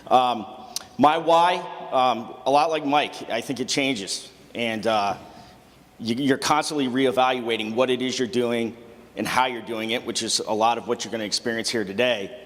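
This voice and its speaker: A man's voice: mid-range voice, moderate pace, a bit bright. A man from Boston introducing himself to a group, speaking hesitantly with many fillers. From Boston, USA. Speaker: team member introducing himself. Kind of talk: spoken self-introduction. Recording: long reverb in a large room.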